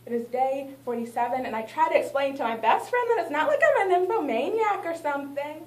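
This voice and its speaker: Lively intonation and a slightly quick pace mark this young woman's high voice as she performs dramatic spoken word poetry full of rhythmic refrains. She's in a small indoor art gallery, filmed from a distance by a camera lacking a mic, so the sound is roomy.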